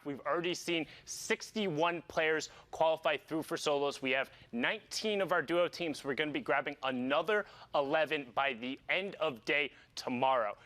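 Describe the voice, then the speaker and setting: A man's voice: fairly high pitch, sharp tone. A man hosting an esports broadcast, opening with a showman announcer delivery. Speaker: show host.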